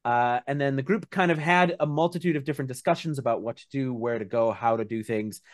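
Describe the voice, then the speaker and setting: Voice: mid-range voice, fast, no echo, studio quality. A game master casually narrating a tabletop game recap in a hesitant, rambling way.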